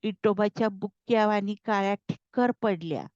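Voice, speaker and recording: A woman's voice: mid-range voice, moderate pace, darkish tone, no room sound, muffled recording, natural voice. A woman doing a frightened rustic village maid. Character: breathless, frightened village maidservant, rustic speech.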